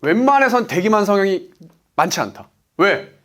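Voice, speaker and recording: With a high, very animated voice and a fairly bright tone, a forty-something coach gives a motivational business lecture at normal speed. He is emphatic, raising rhetorical questions and supplying the answers himself.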